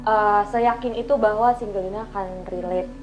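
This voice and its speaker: A nineteen-year-old woman singer talks through her new release in a casual TV interview. She sounds friendly and earnest and explains things at length. Music plays clearly in the background. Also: medium pitch, steady tone, moderate pace, muffled recording. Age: teens. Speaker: singer, guest.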